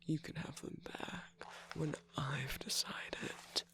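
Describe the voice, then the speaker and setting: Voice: mid-range voice, little pitch movement, takes it slowly, vocal fry. A performer voicing a teasing, manipulative male cookie trickster in a whispered ASMR roleplay, with a mocking, prodding manner.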